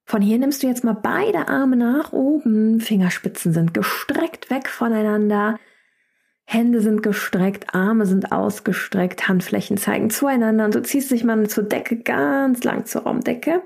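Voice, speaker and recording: A woman talks a student through chair yoga stretches in an unhurried, gentle voice. Her tone is mellow and breathy, with a gravelly edge, and her cues often drop close to a whisper. She counts down each hold calmly. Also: fairly high pitch. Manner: calm instructive cueing with breath counts. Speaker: yoga instructor. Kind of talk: guided chair yoga class.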